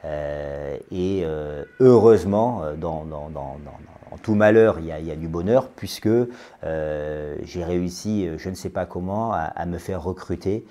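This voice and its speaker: A man nearing forty talks through a podcast interview in a deep, dark, mellow voice. He hesitates constantly, filling pauses and repeating words as he goes. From France. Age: 30s. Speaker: interview guest, business owner.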